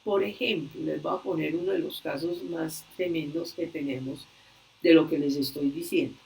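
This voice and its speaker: A woman leading a religious workshop, earnestly retelling a story slowly and with frequent hesitations over a video call. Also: on the low side, darkish tone. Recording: distant video-call audio.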